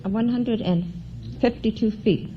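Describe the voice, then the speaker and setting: A woman's voice: fairly high pitch, measured pace. A woman giving short, simple answers as a contestant on an old radio show. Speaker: contestant, deep sea diver. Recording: dull, hissy vintage radio recording.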